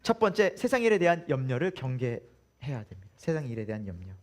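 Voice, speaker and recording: A man's voice: medium pitch, big pitch swings, a little fast. A male pastor preaching a Sunday sermon in a church, with humor and many rhetorical questions.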